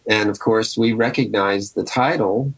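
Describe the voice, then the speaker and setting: Relaxed low-voiced man hosting a podcast. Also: a little slow, breathy edge, low-quality recording. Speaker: podcast host. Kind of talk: casual storytelling commentary.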